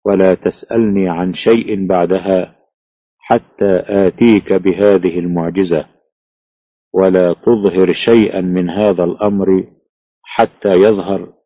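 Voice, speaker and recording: A man reading the quoted words of a solemn, quiet male self-proclaimed prophet in a slow, measured way. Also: low voice, steady tone, dry recording. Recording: dull lo-fi, dry.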